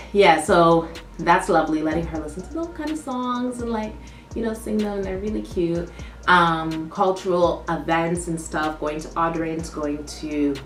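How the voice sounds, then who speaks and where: A young woman vlogging in casual chat, loose and chatty, often restarting with "like" and "um". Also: deep voice. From United States. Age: young adult. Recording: roomy echo, distant mic, background music.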